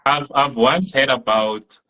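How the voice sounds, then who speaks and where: A man's voice: medium pitch, a little slow, bright, forceful tone, muffled recording, a little hiss or hum. A man interviewing a guest with curious questions that he often starts over.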